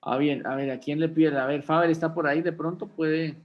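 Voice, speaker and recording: In a dull-sounding recording, a man with a slightly high voice and fairly even intonation speaks rather quickly. He's a pastor leading a class in a homey, sermon-like way, frequently asking his listeners rhetorical questions.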